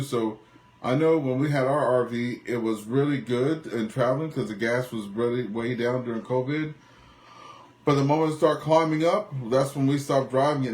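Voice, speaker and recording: Rambling ham radio net host. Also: male voice, mid-range voice, darkish tone, reverberant. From Canada. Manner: rambling, self-correcting.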